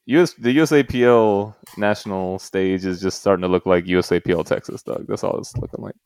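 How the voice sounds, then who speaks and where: A man hosting a casual chat, talking in an animated, rambling, joking way. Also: low-pitched, a little fast, clean tone, dry recording, clean studio sound. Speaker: podcast host.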